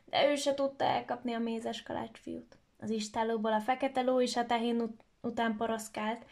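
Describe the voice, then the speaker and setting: A woman telling a children's story aloud in a lively, expressive way. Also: on the high side, creaky.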